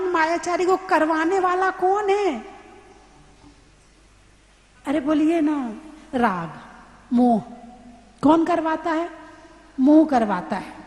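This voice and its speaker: Woman nun preacher, high voice, slow teacherly delivery, echoey hall. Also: darkish tone. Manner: questions the audience and answers herself; slow, teacherly explaining with examples. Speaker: Jain nun giving a sermon. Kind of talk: sermon. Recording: roomy hall with long reverb.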